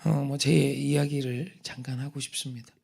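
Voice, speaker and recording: A man preaching a sermon, telling a personal story in a husky voice that drops to hushed whispers and rises to loud emphatic outbursts. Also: medium pitch, flat delivery, normal speed. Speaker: pastor. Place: church sanctuary.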